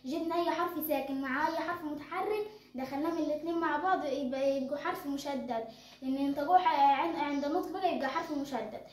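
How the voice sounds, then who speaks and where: A woman's voice: high voice, fast talker, echoey room, a little hiss or hum. A young girl with an Egyptian accent explaining tajweed rules as a teacher, asking and answering her own questions. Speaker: Quran recitation teacher.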